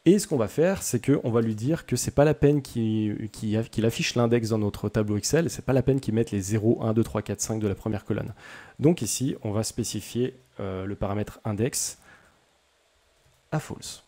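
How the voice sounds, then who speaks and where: A man's voice: fairly low pitch, moderate pace, mellow. A young man hosting a casual coding tutorial, chatty and self-deprecating, with many hesitations.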